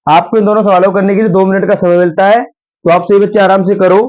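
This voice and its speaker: A man's voice: high voice, flat delivery, fast talker, darkish tone. A young man teaching a math lesson at a board, patiently repeating steps and quizzing his students. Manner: patient, repeats steps and asks the class questions. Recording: dull lo-fi sound.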